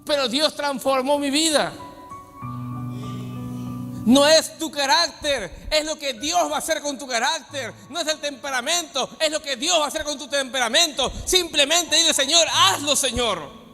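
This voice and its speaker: A man from Peru preaching a sermon as pastor, with dramatic swings from soft asides to shouting. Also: very high voice, normal speed. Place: church hall. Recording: long church hall reverb with faint music.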